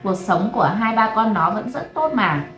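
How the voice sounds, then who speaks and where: Calm woman reading late-night stories. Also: medium pitch, normal speed, soft background music. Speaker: storyteller host. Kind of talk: late-night story narration. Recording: roomy echo, faint noise.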